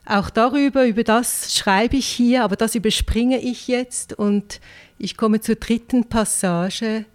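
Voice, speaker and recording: A middle-aged woman reading aloud from her own writing, measured and careful, now and then correcting a word. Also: mid-range voice, a little mellow. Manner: slow, measured, with occasional self-corrections. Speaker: author reading from her book.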